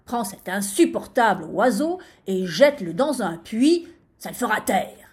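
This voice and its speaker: Pompous sultan, shouts orders, storybook; a woman voices it; slow, animated. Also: mid-range voice, husky. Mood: commanding. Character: furious pompous sultan, loud and bossy. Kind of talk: storybook reading.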